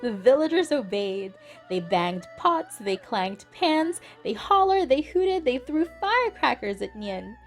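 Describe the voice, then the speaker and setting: A woman reading a children's picture book aloud in a gentle, deliberate way. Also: mid-range voice. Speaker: storybook reader. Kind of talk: children's read-aloud narration. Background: soft instrumental music.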